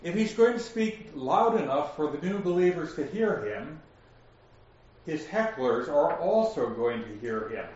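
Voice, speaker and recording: A man teaching a Bible study, explaining verses slowly and asking his class questions. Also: a little high, expressive, a little mellow. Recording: echoey room, distant lo-fi mic.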